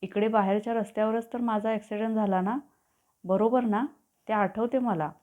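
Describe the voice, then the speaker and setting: Storybook role: a woman voicing a confused, demanding young woman, plain mid-pitched voice, thin phone-like sound. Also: fairly even intonation, normal speed, close to an everyday voice. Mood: impatient. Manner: blunt questioning. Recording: tinny phone-like audio.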